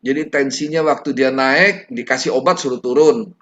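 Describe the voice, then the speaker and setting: A middle-aged man giving a personal testimony at a prayer meeting, talking in a halting, conversational way with many fillers and restarts. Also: medium pitch, fairly bright tone, muffled recording. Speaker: testimony giver.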